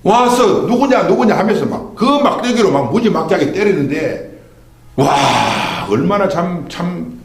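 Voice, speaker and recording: Pastor, male, fairly high voice, lively swinging delivery, rhetorical questions, reverberant sanctuary. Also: measured pace, gravelly. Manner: preaching with rhetorical questions and call-and-response. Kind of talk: Sunday sermon. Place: church sanctuary. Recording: echoey church hall.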